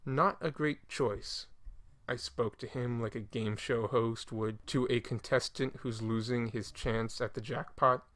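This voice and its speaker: A man reading a scripted first-person story in a measured, even way. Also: medium pitch. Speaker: narrator.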